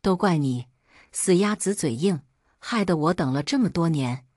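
Brief: woman reading teasing young boyfriend in an audio story, smug and coaxing, low and dry. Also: expressive, normal speed, no room sound. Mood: exasperated.

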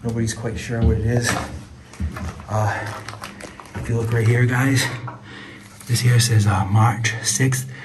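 Inside an abandoned mausoleum at night, an urban exploring host takes his time speaking to viewers in a medium-pitched voice with little pitch movement. The footage is shot on a handheld phone and sounds noisy.

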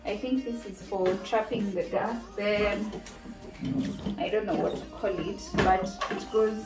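At a measured pace and in a steady mid-range voice, a young Tanzanian cooking vlogger casually reviews a kitchen appliance in her home, talking and thinking aloud as she presents each part. Background music plays, and the camera mic a few feet away picks up a roomy kitchen sound from a distance.

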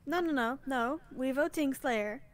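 A woman's voice: high voice, a little slow. A woman playing a multiplayer game, chatting casually in an insistent, self-assured way. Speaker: video game player.

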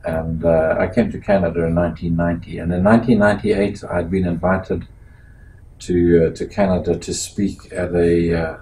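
An older man from Zimbabwe, sitting in an office for an oral history interview, speaking in a measured, halting way with many pauses and restarts. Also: sits low, steady tone, warm tone, a little hiss or hum, poor audio. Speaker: interviewee, metallurgist. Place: small office meeting room indoors.

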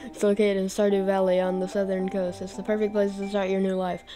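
A young man reading aloud as a gentle, wise old grandfather from a farming game, in a mock old-man voice. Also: sits high, completely flat delivery, brisk, faint music behind, natural voice. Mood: earnest.

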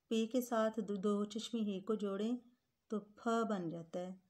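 Female teacher, slow, patient delivery, mellow tone, spells words out for young children. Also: medium pitch. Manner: addresses pupils as children. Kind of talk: grade-school Urdu grammar lesson.

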